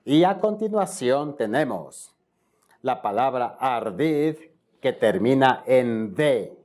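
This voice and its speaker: A man's voice: mid-range voice, animated, slow pace, a little mellow. Man explaining spelling rules step by step. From Ecuador. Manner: explains step by step, often checks in with viewers. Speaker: spelling tutor. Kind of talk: video tutorial lesson.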